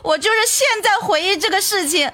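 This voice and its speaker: A young woman telling a personal story in a lively, chatty way, repeating words and asking her listeners questions. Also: very high-pitched, a little fast. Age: young adult. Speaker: storyteller addressing her audience.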